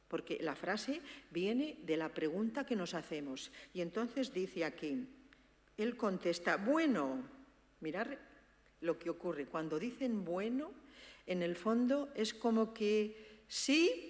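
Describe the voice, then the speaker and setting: A woman gives a lively teaching talk to an audience, acting out sample dialogues and speaking to her listeners directly. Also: fairly low pitch, measured pace. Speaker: speaker presenting a book on active listening. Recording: long reverb of a hall.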